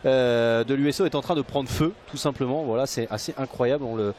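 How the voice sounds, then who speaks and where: Mid-pitched man commentating over background noise. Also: a little fast, darkish tone. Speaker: football commentator. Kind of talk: conversational live commentary. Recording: clear background noise outdoors.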